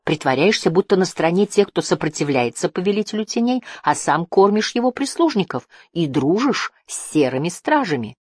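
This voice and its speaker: A woman's voice: fairly low pitch, sing-song, a little fast, hardly any pauses, husky, no room sound, clean studio sound, pitched above the performer's own voice. A woman reading the lines of an angry young male hero with a bitter, accusing manner.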